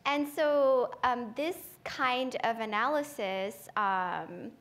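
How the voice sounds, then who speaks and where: The speaker is an Ethiopian woman and AI researcher on a conference forum panel, her voice a little high, slow and fairly bright. She thinks aloud in a conversational way, restarting often, using lots of fillers and closing her points with "right?".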